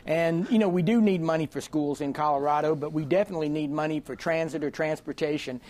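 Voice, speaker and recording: A man's voice: a little high, fast talker, darkish tone. A man speaking as a panelist on a political roundtable, chatty and joking, with many "you know"s. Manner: joking, chatty, fond of 'you know'.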